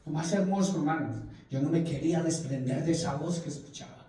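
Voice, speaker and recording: A man preaches in a Bible study, his slightly high voice carrying across a very echoey church hall. He stands well back from the microphone. He speaks with emotion and repeats his phrases for emphasis. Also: fairly quick, mellow. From Colombia. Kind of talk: Bible study testimony sermon. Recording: very echoey room, mic far off.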